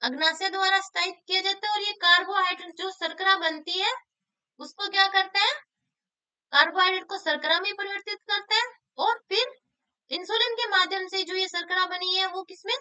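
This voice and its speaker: A woman's voice: very high-pitched, steady tone, brisk, pushed and bright. A woman teacher, explaining exam questions and answering her own questions. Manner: asks questions then answers them herself; repeats key answers for emphasis.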